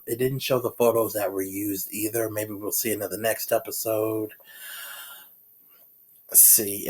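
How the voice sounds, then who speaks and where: A man's voice: on the low side, husky. A man casually recapping a TV episode, rambling with lots of fillers and restarts. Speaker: TV recap reviewer.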